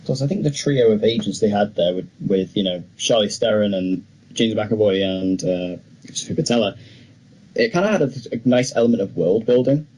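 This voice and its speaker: A young British man co-hosts a film podcast, chatting casually while reviewing movies. His voice is lowish and darkish in tone, animated, at a normal speed. The background ambience is clearly noisy.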